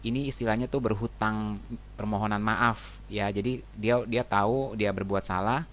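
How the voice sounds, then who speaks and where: A man teaching English phrases in a relaxed, conversational way, often ending sentences with a tag question. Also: lowish voice, moderate pace, a little hiss or hum. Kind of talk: casual explanatory lesson.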